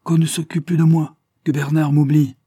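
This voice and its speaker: Guy doing a panicky young woman on the phone, way higher and louder, husky. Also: level tone, normal speed, no echo, studio quality. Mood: pleading. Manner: pleading, desperate.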